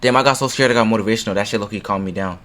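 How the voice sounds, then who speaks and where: A young man with a fairly low voice reacts to a video out loud. He talks in loose, profane slang and keeps tacking "bro" onto his lines. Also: very fast. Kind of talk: casual reaction commentary.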